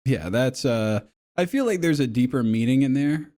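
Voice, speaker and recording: A man's voice: mid-range voice, animated, normal speed, warm tone. Sardonic man in his thirties. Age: 30s. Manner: sardonic, blunt, swears a lot. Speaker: podcast co-host. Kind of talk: casual chat.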